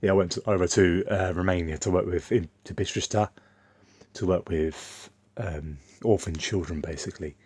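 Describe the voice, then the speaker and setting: A man's voice: deep voice, fairly even intonation, moderate pace, a little mellow, breathy edge, dry recording. A man, rambling bluntly in a casual off-the-cuff vlog monologue. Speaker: vlogger.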